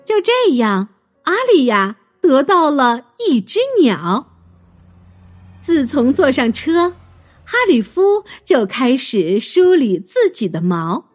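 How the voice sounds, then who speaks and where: High, animated woman storyteller. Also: slow, soft background music. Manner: gentle, expressive. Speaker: children's storyteller. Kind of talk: bedtime story narration.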